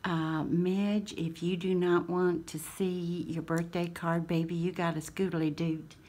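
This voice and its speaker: A woman's voice: lowish voice, flat delivery, a little slow, dark tone. A woman, chatting casually and affectionately to her craft channel viewers in a folksy drawl. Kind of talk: casual chat to camera.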